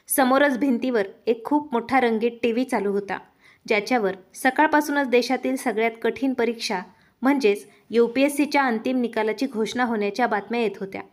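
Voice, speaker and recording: A woman tells a heartfelt first-person story in a steady narrating voice. She speaks earnestly and dwells on the feeling in each line. Her voice sits a little higher than most women's.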